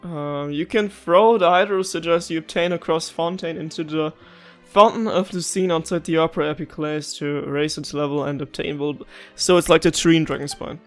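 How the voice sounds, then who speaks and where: A man's voice: fairly high pitch, fairly even intonation, moderate pace, faint music behind. A man hosting a gameplay video, chatting casually in a rambling, easily sidetracked way.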